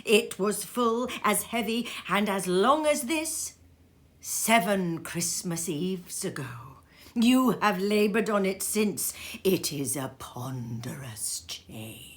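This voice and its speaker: A woman's voice: medium pitch, expressive, slow pace. A woman voicing a tormented male ghost of a dead businessman in a storybook reading, declaiming solemnly and wailing in archaic speech. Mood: grave, foreboding.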